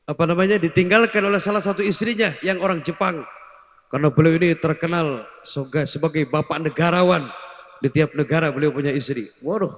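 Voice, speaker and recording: A male preacher giving a comic sermon, joking and teasing the crowd, mixing in Javanese words. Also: sits high. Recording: echoey hall, long reverb.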